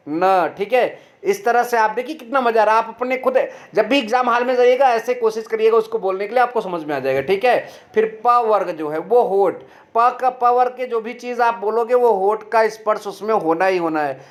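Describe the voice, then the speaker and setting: Male tutor with a high voice, patient and step by step, asks and answers his own questions. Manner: sounds out letters slowly and clearly. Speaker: teacher. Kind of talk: online grammar lesson.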